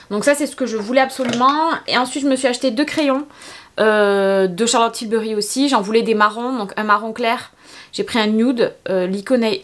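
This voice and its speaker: A tired young woman, chatting casually through a get-ready-with-me vlog in her bedroom, rambling with many fillers. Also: a little high. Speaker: beauty vlogger.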